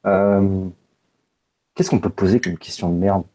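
Mellow man streaming live. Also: deep voice, fairly even intonation, measured pace. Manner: loose and joking, swears casually. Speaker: tech streamer. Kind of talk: casual live unboxing stream.

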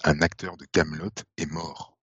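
A man's voice: extremely low pitch, fairly even intonation, moderate pace, bright, forceful tone, slightly rough, dry recording. A man co-hosting a casual live stream, laid-back and blunt in his opinions. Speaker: podcast co-host. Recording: dull lo-fi mic.

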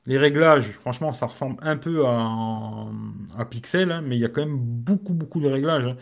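A man's voice: medium pitch, normal speed. A man hosting a casual live stream as a tech reviewer. He talks in slangy, rambling French and keeps adding "tu vois".

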